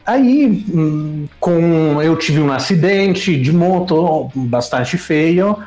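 A man's voice: a little high, expressive, extremely slow, darkish tone, reverberant, soft background music. A man from Italy with an Italian accent, telling stories casually in an interview and often restarting his sentences. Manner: rambling, self-correcting storyteller. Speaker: streamer guest.

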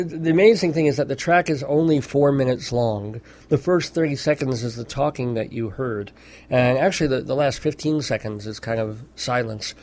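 In a radio studio, a male host with a mid-range, slightly mellow voice offers casual radio commentary. His manner is wry and mock-serious, sprinkled with amused asides.

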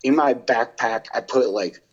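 A husky young man talking as a podcast guest, his voice a bit breathy and rough. He rambles loosely, peppering his sentences with "like" and restarts. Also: medium pitch, measured pace, muffled recording. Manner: rambling, full of "like". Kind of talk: casual interview chat.

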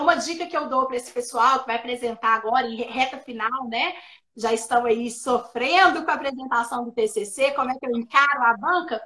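Mineira woman, speech therapist guest, high voice, animated, tip-giving. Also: rough recording. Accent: Minas Gerais Brazilian Portuguese. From Minas Gerais, Brazil. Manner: animated, practical, gives tips with examples. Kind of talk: explanatory interview answers. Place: remote live video session.

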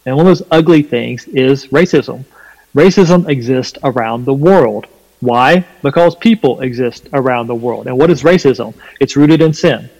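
A man with a Southern US accent and a slight twang, explaining his faith emphatically and deliberately in a preaching style during a conversation. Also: mid-range voice, creaky, darkish tone. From North Carolina, USA. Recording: long hall reverb.

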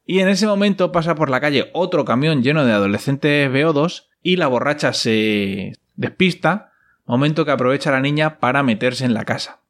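A man's voice: mid-range voice, moderate pace. A young man, recapping a series casually with wry, ironic asides. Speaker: host.

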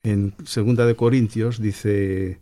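A man's voice: lowish voice, steady tone, slow pace, warm tone. Hesitant middle-aged man, many restarts. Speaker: guest painter. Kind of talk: radio panel talk.

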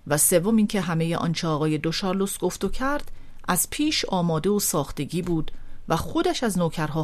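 A woman narrating a literary audiobook in a measured, expressive reading. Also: fairly low pitch.

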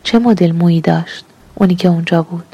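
A woman narrator voicing a hungry, jealous young woman who demands her lover's attention, in a low, husky voice. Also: mellow. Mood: bitter. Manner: pleading then accusing, emotional.

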